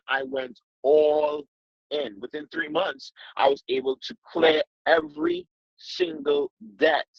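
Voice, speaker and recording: A man from Trinidad and Tobago, giving an earnest sales pitch on a conference call, often repeating his words. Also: creaky, a bit bright, dry recording. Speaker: business presenter. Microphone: phone. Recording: muffled dry phone-call audio.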